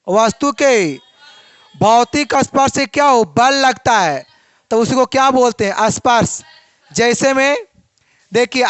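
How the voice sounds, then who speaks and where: A young man teaches a physics lesson and keeps asking questions that he answers himself. His voice is very high and smooth. The recording is dry and close. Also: a bit bright, no echo.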